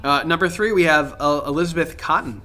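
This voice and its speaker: A man's voice: on the high side, brisk, pushed and bright. A man co-hosting a music podcast, chatting casually with a joking, rambling manner and plenty of fillers. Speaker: podcast co-host. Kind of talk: casual chat.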